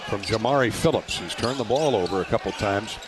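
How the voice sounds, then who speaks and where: An American man gives live play-by-play radio commentary of a basketball game from an indoor arena, speaking fairly quickly in a lowish voice. Arena noise and bouncing balls come through clearly behind him.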